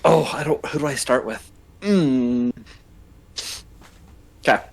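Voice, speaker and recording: A man running a tabletop game as game master, relaxed and laughing often, with hesitant fillers. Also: medium pitch, slow, vocal fry, slightly rough.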